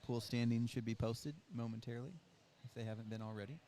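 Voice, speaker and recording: A man's voice: mid-range voice, steady tone, fast talker, dark tone. Laid-back man calling fencing matches. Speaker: fencing commentator. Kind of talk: casual live commentary.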